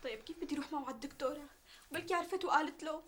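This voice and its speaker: A woman's voice: sits high, rapid-fire, a little hiss or hum. An actress playing a defensive, frightened young woman in a TV drama. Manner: defensive, hushed then pleading. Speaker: younger sister in trouble.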